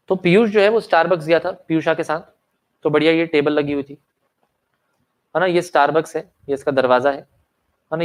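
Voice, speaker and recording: A young man teaching an online lecture, mixing English into his Hindi, asking checking questions and coughing now and then. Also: on the high side. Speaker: commerce exam teacher. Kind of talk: online lecture with story examples.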